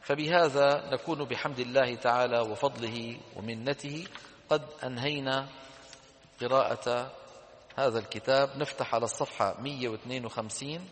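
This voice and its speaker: A man's voice: medium pitch, fairly even intonation, slight background noise. Man teaching in an echoing hall. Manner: dictates corrections slowly, quizzes students with questions. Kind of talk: classroom reading and explanation of a classical text.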